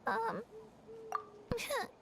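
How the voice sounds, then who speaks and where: Speaking very slowly over background noise and music, an actress voices a young girl in a game who trains hard to become a warrior. The character comes across as earnest, shy, sincere, and eager to please.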